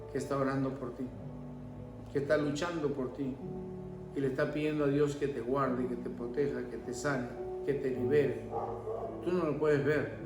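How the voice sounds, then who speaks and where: A man's voice: medium pitch, roomy sound, far from the mic, low-quality recording. A man preaching a sermon as pastor, telling stories and leading a prayer. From Venezuela. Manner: preaching with storytelling and a closing prayer.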